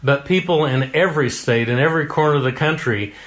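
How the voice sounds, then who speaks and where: A folksy congressional candidate from Oklahoma answers interview questions in a slightly high, fairly bright voice at a brisk clip. He comes across earnest and homespun, dropping folksy exclamations.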